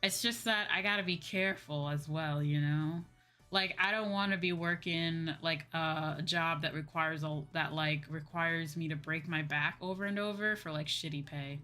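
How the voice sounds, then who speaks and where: Low-pitched and steady, her pushed, bright voice moves at a moderate pace as this American woman from the Midwest chats on a livestream as a VTuber. She casually takes viewer comments and repeats phrases for emphasis, with music in the background.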